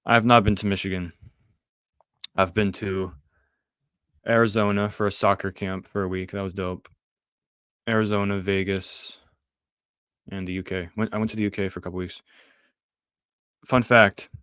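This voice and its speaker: A young man hosts a podcast stream in a relaxed, rambling way, reading out and answering viewer chat. His voice sits fairly low and often sinks into quiet, trailing asides. The sound is dry and close, with no room echo. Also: normal speed, pauses often, smooth. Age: young adult. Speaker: podcast host. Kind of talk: casual live-stream chat.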